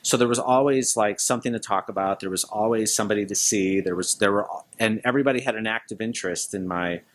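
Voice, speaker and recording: A man's voice: lowish voice, fast. A man answering interview questions as a guest, speaking informally in loosely strung thoughts. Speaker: interview guest, business leader.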